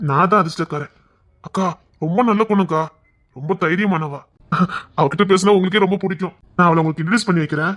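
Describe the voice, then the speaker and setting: A man's voice: high-pitched, fast talker. A man playing an earnest devoted young man. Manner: earnest, warm-hearted, reassuring. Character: kind devoted young man, protective brother figure. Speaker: young husband-to-be waiting outside an exam hall. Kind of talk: audio drama acting.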